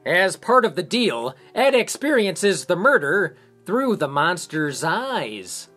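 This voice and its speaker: A man's voice: high voice, sing-song, slow pace, over music. A man recapping a horror movie as a reviewer, with sarcastic joking asides. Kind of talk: comedic film recap narration.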